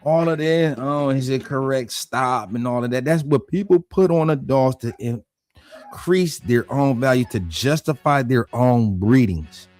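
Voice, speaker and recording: A man hosting his own channel, talking in a blunt, combative rant, firing off repeated rhetorical questions and climbing higher in pitch as he gets worked up. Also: unhurried, a little mellow, soft background music. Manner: voice rises high when worked up. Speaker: dog breeder and channel host. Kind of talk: heated casual monologue.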